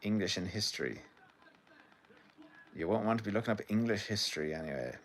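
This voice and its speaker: Streaming live from his sitting room, this Irish host from the midlands talks over a match and chats with his viewers in a loose, rambling way. He sounds animated, on the low side, and fairly quick, with slight hiss or hum in the background.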